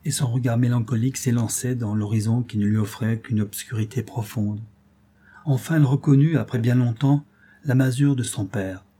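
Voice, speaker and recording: A man reading a classic tale aloud as an audiobook, in a measured, dramatic manner. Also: medium pitch, fairly even intonation, dark tone. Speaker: audiobook reader. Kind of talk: scripted narration of a classic tale.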